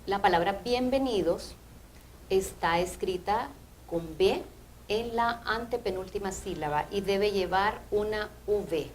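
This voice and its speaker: A woman language teacher, explaining grammar rules in a measured way on a TV program. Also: mid-range voice, slight background noise, rough recording. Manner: measured, explanatory, often asks "¿verdad?". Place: TV studio.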